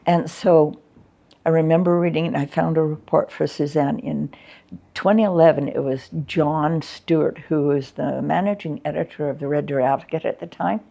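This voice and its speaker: With a deep, gravelly yet mellow voice, this older Canadian woman speaks at a moderate pace with fairly even intonation. She is a former arts coordinator, candid and chatty in a reflective interview, using many ums as she recalls her arts work.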